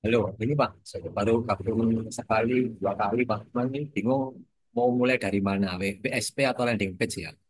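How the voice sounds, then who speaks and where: A man's voice: fairly low pitch, normal speed, husky, poor audio. A man asking a question in an online class over a video call, his audio breaking up and cutting in and out. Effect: choppy audio cutting in and out.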